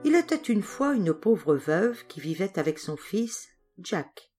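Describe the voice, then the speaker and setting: Expressive woman reading a fairy tale. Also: mid-range voice, slow pace, faint music behind. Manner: expressive storytelling. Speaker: audiobook reader. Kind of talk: scripted narration of a folk tale.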